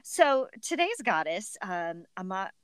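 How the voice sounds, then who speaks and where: A woman's voice: medium pitch, sing-song, slow pace, a bit bright, smooth. A woman with a Cleveland, Great Lakes accent co-hosting a podcast in casual, informal, jokey chat. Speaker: podcast co-host.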